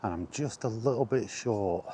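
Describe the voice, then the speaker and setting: This man's voice sits lowish and mellow, moving at a moderate pace as he walks and talks to the camera. His vlog chat is casual, wandering and self-deprecating, peppered with mild, fed-up swearing, while wind and outdoor ambience come through the camera's audio on the path.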